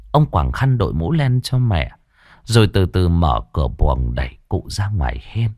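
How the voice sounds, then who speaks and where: Brief: male narrator, low and very lively reading, dry close sound. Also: no room sound. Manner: expressive, animated storytelling. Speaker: storyteller. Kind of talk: scripted story narration.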